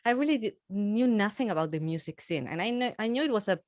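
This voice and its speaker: A woman's voice: mid-range voice, lively intonation, quick pace, a little mellow, no echo. A woman from Argentina, a musician in her thirties, chatting in an interview and laughing often. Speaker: musician guest. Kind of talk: casual interview conversation.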